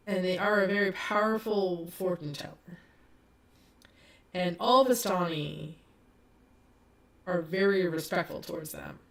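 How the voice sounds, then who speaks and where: A woman narrating as game master of a tabletop horror game, slow and halting with many restarts. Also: on the low side, gravelly.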